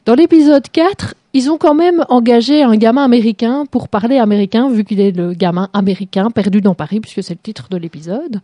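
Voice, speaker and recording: On a chat show, a female host tears into a TV series with sarcasm and lots of laughter, keeping the talk casual but critical. Her voice sits on the high side and sounds mellow, and she speaks briskly with hardly any pauses. The recording has no room sound.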